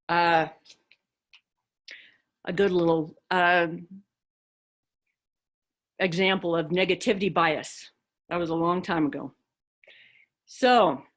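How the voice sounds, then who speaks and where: A woman dharma teacher giving a reflective talk, telling stories with casual fillers. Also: fairly low pitch.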